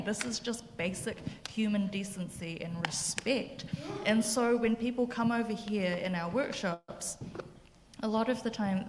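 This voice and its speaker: A woman's voice: medium pitch, long reverb tail, slight background noise. A woman speaking passionately in a panel debate, conversational, with fillers.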